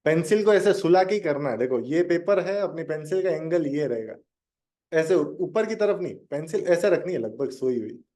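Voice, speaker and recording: Young guy w/ teaching drawing live, kinda high voice but mellow, chatty and jokey with the kids. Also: lively intonation, normal speed. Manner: chatty, addresses students directly and jokes. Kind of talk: live online drawing lesson.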